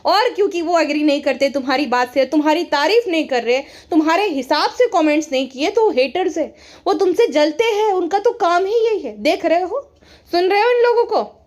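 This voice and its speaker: A woman talks through casual commentary in a sarcastic, mocking tone. Her voice sits high and she needles the people she discusses at an unhurried clip. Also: expressive, darkish tone. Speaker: commentary YouTuber.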